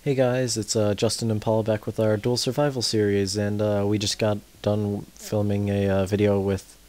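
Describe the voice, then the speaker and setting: Young guy w/ lowish voice chatting thru a survival game, swears a lot. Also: little pitch movement, moderate pace. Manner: loose, swears and shouts off-mic at family. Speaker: gaming channel host. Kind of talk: casual gameplay chat.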